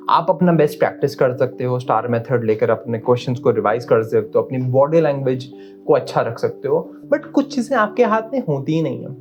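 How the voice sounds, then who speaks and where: Young male coach, slightly high voice, casual Hindi-English lesson, keeps asking "right?", muffled sound, faint guitar bed. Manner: mixes Hindi and English, asks "right?" often. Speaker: career coach. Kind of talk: explanatory video lesson. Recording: dull sound with soft guitar music behind.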